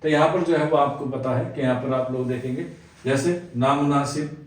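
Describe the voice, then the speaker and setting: A man's voice: medium pitch, normal speed, far from the mic. A man teaching an exam answer-key lesson, explaining step by step and constantly padding his sentences with the same filler phrase. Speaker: Urdu exam coaching teacher. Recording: very echoey room, voice off-mic.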